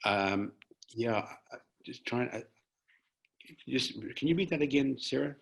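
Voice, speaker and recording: A man's voice: medium pitch, animated, a little slow, creaky, a bit bright. A man from Zimbabwe presenting a webinar, answering audience questions over a video call with frequent hesitations and restarts. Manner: hesitant, many restarts and fillers.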